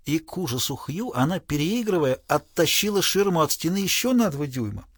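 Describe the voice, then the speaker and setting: A man narrating an audiobook chapter in an expressive storytelling voice. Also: a little high, a little fast, no room sound, studio quality. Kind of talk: scripted narration.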